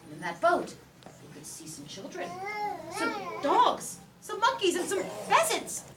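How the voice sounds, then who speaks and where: Running a puppet show for kindergartners, a woman uses a very high voice with huge pitch swings, speaking a little slowly in a theatrical, sing-song style and urging the children to take part. Crowd noise and music fill the echoey classroom, and the mic is far away.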